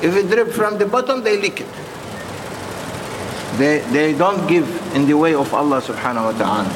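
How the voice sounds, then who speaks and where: A man who is a non-native English speaker preaching informally in short, halting, repeated phrases and putting questions to his listeners. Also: a little high, animated. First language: not English. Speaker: Sufi preacher addressing followers. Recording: echoey reverberant hall with clear background noise.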